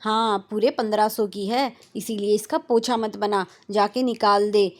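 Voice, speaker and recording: A woman voicing a middle-aged mother who scolds in a brisk, nagging way. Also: mid-range voice, fairly even intonation, close to an everyday voice. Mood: scolding.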